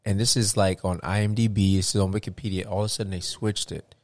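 This very low-voiced man chats casually at a quick pace, animated and rambling, constantly restarting and filling gaps with "um"s. The audio is close-miked and dry, with no sense of a room.

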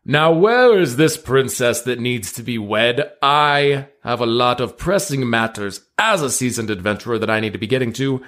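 A man's voice: mid-range voice, expressive, moderate pace, hardly any pauses, fairly bright tone, natural voice. A man playing a self-important seasoned adventurer who is easily flustered, theatrical and evasive, in an improvised tabletop game. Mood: pompous, impatient. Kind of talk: improvised tabletop role-play.

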